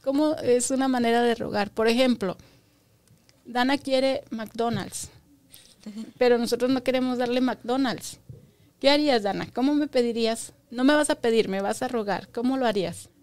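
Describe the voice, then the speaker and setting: A woman's voice: fairly high pitch, normal speed, darkish tone, clean tone, dry recording. A woman teaching a Bible lesson to children, patiently asking them questions and stressing key words by repeating them.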